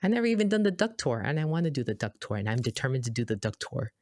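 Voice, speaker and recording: Casting: Boston-raised podcast co-host, woman, lively swooping delivery, dry close mic. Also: rumbling low, rapid-fire, dry recording. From Boston, USA. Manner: animated, emphatic, storytelling. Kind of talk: casual podcast chat.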